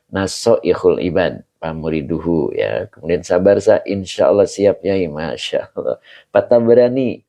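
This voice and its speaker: Chuckling frequently, an Indonesian-accented religious teacher welcomes his livestream audience in a relaxed way and reads their comments out loud. He has a low-pitched, gravelly, mellow voice.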